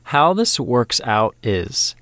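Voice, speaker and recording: In this educational podcast for kids, the male host walks through science facts step by step, keeping things playful and friendly. He speaks slowly in a mid-range voice with big pitch swings and a sharp tone, and there's no echo.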